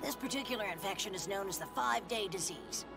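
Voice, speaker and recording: A woman's voice: mid-range voice, animated, fast talker, gravelly, music in the background. An actress voicing a brusque, ancient old woman doctor with a witchy, cackling voice, in an anime dub. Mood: lecturing. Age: older. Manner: brusque, lecturing. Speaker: castle doctor. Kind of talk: English anime dub acting.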